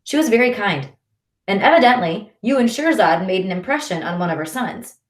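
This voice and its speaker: A gentle mother speaks softly to her son, her voice rising brightly now and then. A woman reads her in an audiobook. The recording is roomy, with a clear echo. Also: mid-range voice, animated, fairly quick, distant mic, natural voice. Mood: warm.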